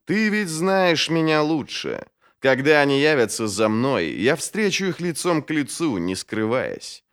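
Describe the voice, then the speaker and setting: A man's voice: a little high, big pitch swings, measured pace, a bit bright, smooth, pitched above the performer's own voice, exaggerated voice. A man doing a scornful old archmage. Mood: commanding. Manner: imperious, cutting. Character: old powerful male archmage, commanding, scornful.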